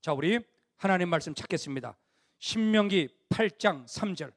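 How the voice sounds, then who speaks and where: A middle-aged male pastor preaching a sermon to a youth congregation, animated and conversational, rising to near-shouts on key points. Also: sits high, normal speed. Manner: acts out quoted dialogue in a conversational tone.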